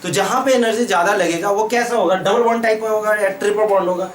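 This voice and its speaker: Here a man with an Indian accent works through chemistry on a whiteboard, answering the questions he raises and stressing key terms. His high voice holds a steady tone at a quick pace. There's a little hiss or hum, an echoey room and a far-off mic.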